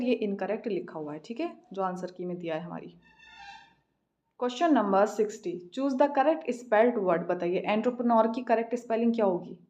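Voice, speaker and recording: An Indian woman tutoring an English exam, reading questions slowly and then explaining quickly. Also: mid-range voice, mellow. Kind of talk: exam practice lesson, Hindi-English mix.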